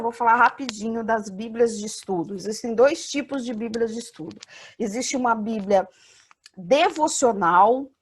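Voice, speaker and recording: A Brazilian woman with a fairly high voice leads an online Bible course. She explains each point step by step. She often raises a student's question and then answers it herself. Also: slightly rough. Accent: Brazilian Portuguese. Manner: explanatory, asks and answers her own questions. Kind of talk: online class lecture.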